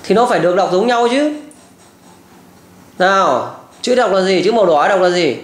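A man's voice: high voice, lively intonation, normal speed, reverberant. A man tutoring a child at home, firmly correcting and repeating model words. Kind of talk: pronunciation drill.

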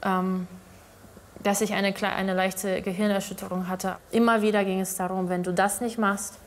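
A young woman telling her story in an interview indoors, earnest and halting, sometimes restarting words. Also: mid-range voice, little pitch movement, a little hiss or hum. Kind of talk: interview testimony. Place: indoor living room.

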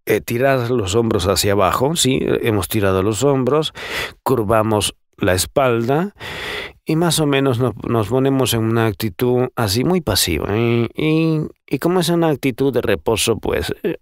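A man's voice: mid-range voice, moderate pace, no room sound, clean studio sound. A man with a cold, hosting a casual podcast and teaching how to breathe and stop sounding nasal, speaking animatedly and demonstrating sounds. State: congested with a cold. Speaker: voice coach podcaster. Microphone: close studio microphone.

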